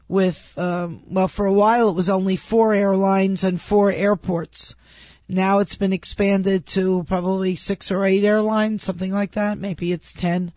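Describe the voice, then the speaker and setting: A woman's voice: mid-range voice, a little mellow, no echo, highs cut off. A woman hosting a radio travel show, speaking in an informative, friendly way.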